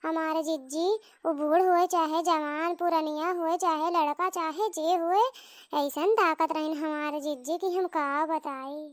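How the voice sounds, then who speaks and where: A woman's voice: very high voice, fairly even intonation, unhurried, no echo, clean studio sound. A woman voicing a boastful, gossipy middle-aged village aunt in a comedy cartoon.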